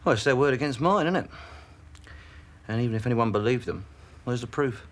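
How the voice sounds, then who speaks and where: An actor playing a coldly bullying London criminal in a TV drama, with threatening, slangy talk. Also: male voice, mid-range voice, animated, brisk, a little hiss or hum, lightly acted. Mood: menacing.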